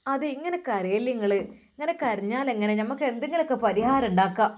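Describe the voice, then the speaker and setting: A woman voicing a kind-hearted older village mother who talks gently and soothingly. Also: fairly high pitch, animated, fast, lightly acted.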